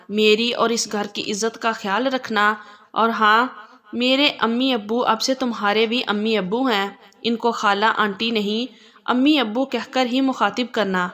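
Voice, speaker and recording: A woman's voice: a little high, a bit bright, close to an everyday voice. A woman reading a blunt young husband. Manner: stern, scolding at times. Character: young newly married husband, firm and blunt.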